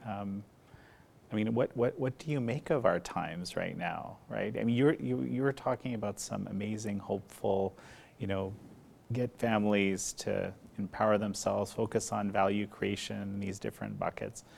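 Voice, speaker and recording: A male host asks his guest questions in a low voice with deep, heavy vocal fry. He talks haltingly and leans on fillers and tag questions. Faint noise sits behind him. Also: darkish tone. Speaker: podcast host. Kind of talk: interview questions.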